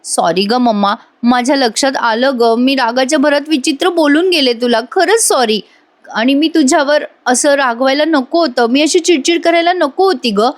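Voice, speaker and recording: An apologetic yet headstrong young woman making up with her mother, voiced by a woman in a high pitch. She pleads softly but holds her ground, acted in a review of a TV serial. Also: moderate pace, few pauses, natural voice.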